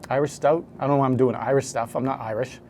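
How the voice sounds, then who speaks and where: A man's voice: medium pitch, fairly even intonation, quick pace, darkish tone, slight background noise. A man talking casually to the camera as a home brewer, rambling and correcting himself as he goes. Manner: rambling, self-correcting, hesitant.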